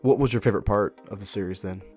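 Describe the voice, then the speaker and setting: A fairly low, somewhat mellow and slightly rough male voice moves at a quick clip. He hosts an informal interview on a web horror series, asking curious and encouraging questions with music in the background.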